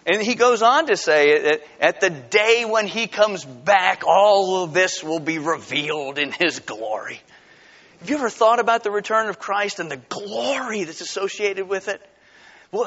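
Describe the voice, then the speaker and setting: Male pastor, conversational, emphatic sermon, lively pitch. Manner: animated, emphatic, conversational preaching. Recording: dull lo-fi sound.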